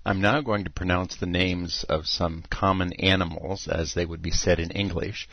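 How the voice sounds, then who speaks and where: A man from Canada slowly and deliberately naming common animals. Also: sits low, steady tone, vocal fry, lo-fi sound. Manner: slow, deliberate explanation. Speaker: presenter of an animal sounds segment.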